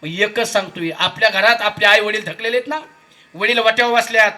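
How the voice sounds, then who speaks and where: A man preaching a devotional kirtan sermon, calling out to his listeners and rising to shouts. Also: high-pitched, steady tone, brisk. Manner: impassioned, calls out to the crowd, rises to shouts.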